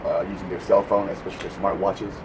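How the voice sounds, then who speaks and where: A man's voice: sits low, level tone, quick pace. A man who manages a restaurant answering interview questions indoors in a hesitant, apologetic way. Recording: distant mic with ambient noise.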